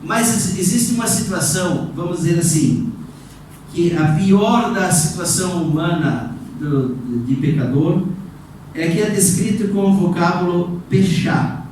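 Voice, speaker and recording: A male pastor teaching a sermon, explaining slowly and often restarting his sentences. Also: high-pitched, darkish tone. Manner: explanatory, halting with many restarts and fillers. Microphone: room recording, setup just installed. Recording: echoey room, distant mic, faint noise.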